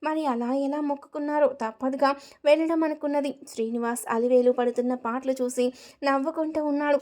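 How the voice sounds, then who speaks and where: A woman narrating a serial family story in a steady, even storytelling manner. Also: sits high, a little fast.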